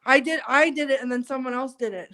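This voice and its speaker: A woman's voice: sits high, fast, pushed and bright. A woman investigating alone in an old castle's billiard room, shaky and catching her breath, talking nervously with self-deprecating humor. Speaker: paranormal investigator. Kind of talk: live ghost investigation.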